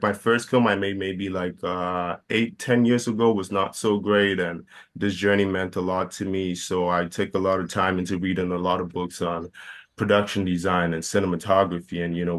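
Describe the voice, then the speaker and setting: A young man from Ghana, a filmmaker being interviewed, talking in a halting way with many fillers and restarts. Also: low-pitched, level tone. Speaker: filmmaker guest. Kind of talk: casual interview.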